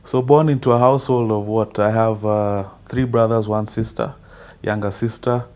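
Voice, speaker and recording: A Kenyan man in his thirties, a guest calmly telling his life story in a casual interview. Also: on the low side, normal speed. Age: 30s.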